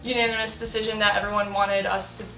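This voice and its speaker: Her tone level and her pace quick, a young woman chatters through a casual interview, her mid-range voice bright and forceful. Fillers like "like" and "um" crop up constantly, and she laughs often, all in an echoing room over faint music.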